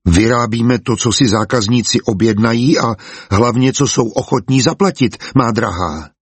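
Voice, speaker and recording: A husky-voiced man reading the part of a proud, stubborn male master glassblower in a storybook, speaking slowly and firmly. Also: medium pitch, dry recording. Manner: slow, firm and dignified.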